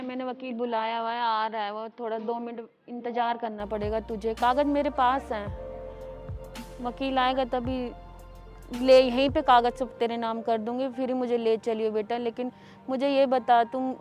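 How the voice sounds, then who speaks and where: A woman's voice: on the high side, steady tone, normal speed, darkish tone, soft background music, lightly acted. A woman playing a frail elderly mother-in-law who begs her daughter-in-law in a staged drama. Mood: pleading. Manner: begging, tearful pleading.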